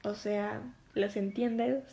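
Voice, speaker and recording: A woman's voice: mid-range voice, fairly even intonation, drawn-out words, creaky, dark tone. A woman with a Mexican accent hosting a casual podcast monologue, chatty and full of filler words. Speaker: podcast host. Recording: roomy echo.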